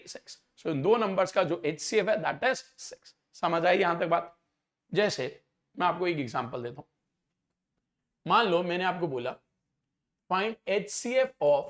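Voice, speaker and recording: High-voiced man teaching maths. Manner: explains step by step, often checks if students follow. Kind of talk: exam-prep maths lecture.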